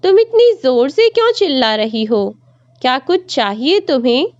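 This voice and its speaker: A woman's voice: sits high, sing-song, normal speed, a little mellow, dry recording, dull audio. A woman voicing a frightened elderly mother-in-law who pleads her innocence. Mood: fearful, pleading. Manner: pleading, trembling.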